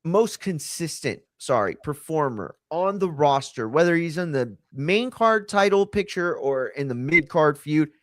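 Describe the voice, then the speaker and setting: Guy with a higher voice riffing on wrestling, fired up, swears a lot, dry close mic. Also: a little slow, hardly any pauses, dry recording. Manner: excitable, swears freely. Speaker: podcast co-host. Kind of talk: casual wrestling talk.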